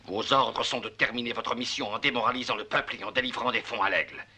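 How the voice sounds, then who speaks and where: An actor playing a coldly authoritative, menacing magistrate in a dubbed period adventure series, speaking formally and sternly. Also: male voice, medium pitch, fast, bright, forceful tone, breathy edge, heavily acted. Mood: stern reproach.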